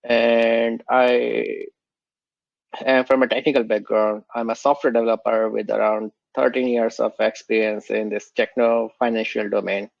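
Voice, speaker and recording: A man's voice: mid-range voice, level tone, unhurried, creaky, no room sound, lo-fi sound. A man with a cold, answering interview questions as a guest, earnest and explanatory. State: has a cold.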